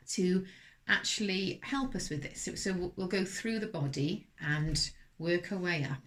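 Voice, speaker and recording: A woman teaching mindfulness, giving a gentle, unhurried guided meditation talk with soft fillers. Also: on the low side.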